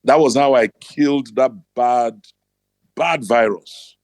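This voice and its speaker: A man's voice: medium pitch, takes it slowly, vocal fry, darkish tone, no echo. Blunt Nigerian man, dry close sound. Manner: blunt, emphatic storytelling. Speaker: host. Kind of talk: motivational talk.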